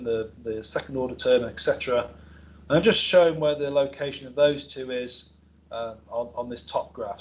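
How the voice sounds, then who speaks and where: A male academic researcher presents a technical seminar to an audience in a seminar room, explaining things informally with hesitations and self-corrections. His voice is medium-pitched and darkish in tone, and the recording is rough.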